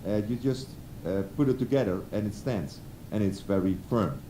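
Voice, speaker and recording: A man's voice: on the low side, moderate pace, warm tone, echoey room, slight background noise. A man from the Netherlands with a Dutch accent, a guest telling his story in casual chat, hesitant and full of restarts. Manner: hesitant, many restarts and fillers.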